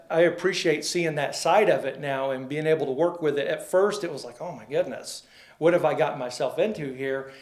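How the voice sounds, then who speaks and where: A man's voice: fairly high pitch, darkish tone. A man, a sports photographer guest telling rambling, folksy stories and acting out quoted dialogue. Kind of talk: casual storytelling interview. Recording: roomy echo.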